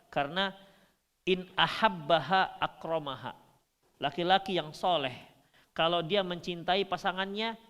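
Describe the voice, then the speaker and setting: A man from North Sumatra, Indonesia, preaching a humorous sermon, shifting between loud and soft. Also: fairly high pitch, in a large hall. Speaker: Islamic preacher.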